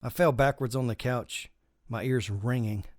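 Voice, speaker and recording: A man's voice: medium pitch, moderate pace, no echo, clean studio sound. A man reading a scripted first-person horror story in an intense, confessional way, swearing often.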